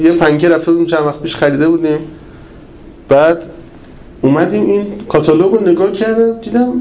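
Mellow-voiced preacher man in an echoey room. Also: sits high. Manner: conversational and humorous, with acted asides. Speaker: cleric preacher. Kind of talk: sermon. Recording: echoey room with faint ambience.

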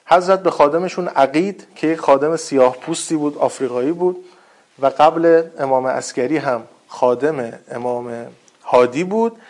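A man's voice: medium pitch, darkish tone. Man telling a religious story. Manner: recites Arabic quotes slowly, then retells them in plain speech; conversational, rambling asides. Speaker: religious preacher. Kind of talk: sermon storytelling.

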